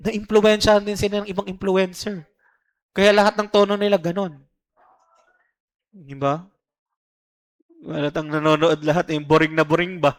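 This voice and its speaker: A man preaching a conversational sermon as pastor at a church service, often asking his listeners "di ba?" and drawing out key phrases slowly for emphasis. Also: sits high, flat delivery. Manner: mimics social media influencers. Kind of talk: Taglish sermon.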